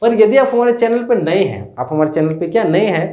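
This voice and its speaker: A man's voice: high-pitched, expressive, fairly quick, dark tone. Chatty male Hindi math tutor, echoey room. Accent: Jharkhand Hindi. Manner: chatty, asks and answers his own questions, teasing. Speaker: math teacher. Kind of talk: casual classroom tutorial.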